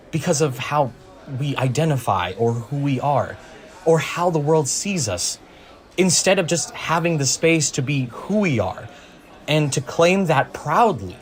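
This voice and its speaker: A twenty-year-old American man, an activist speaking wryly and reflectively about growing up. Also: medium pitch. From USA. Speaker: youth activist. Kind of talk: personal testimony interview.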